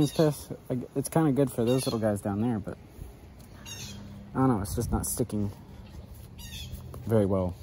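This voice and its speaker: A young adult man rambles through laid-back running commentary, loose with fillers, as he fishes from a backyard dock beside a canal outdoors, vlogging on a head-mounted camera. His voice is lowish and dark-toned. The audio is poor, with a little hiss or hum.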